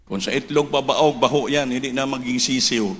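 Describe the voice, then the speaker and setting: A man preaching a sermon, switching between Tagalog and English and building to emphatic shouts. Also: mid-range voice, moderate pace, slight background noise.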